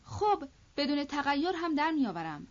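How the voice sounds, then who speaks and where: A woman's voice: high-pitched, very animated, lo-fi sound, voice pushed up. Woman doing a sly, chatty manservant. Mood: knowing. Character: sly male servant, knowing and chatty. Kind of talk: audiobook character voice.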